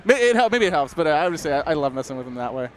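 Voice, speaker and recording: A young man in casual match commentary who talks fast and a bit high. He jokes around and loves teasing people. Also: very animated, slight background noise. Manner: joking, teasing, quick banter. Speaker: esports commentator.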